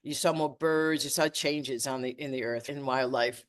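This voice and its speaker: A woman's voice: rumbling low, fairly even intonation, moderate pace. A woman teaching energy medicine as a podcast guest, talking passionately and emphatically, stumbling over her words when she gets worked up. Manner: passionate, emphatic, exaggerating for effect. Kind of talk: podcast interview.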